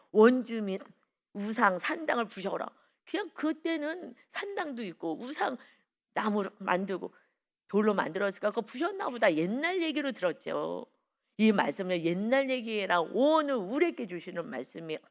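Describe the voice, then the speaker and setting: A woman pastor delivers an early-morning devotional sermon with a gravelly, creaky edge to her voice. She preaches like she's chatting, telling stories from her own life and turning to her listeners with questions. Her voice sits at an ordinary middle pitch for a woman. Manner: conversational, tells personal stories, asks the congregation questions.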